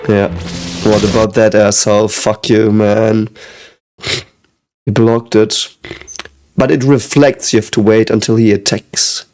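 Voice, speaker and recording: A man's voice: on the low side, little pitch movement, unhurried, long pauses, a little mellow, faint music behind. A man talking casually as he reacts to an anime, rambling with lots of hesitations and occasional swearing. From Germany. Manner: rambling, hesitant, with many fillers and frequent swearing.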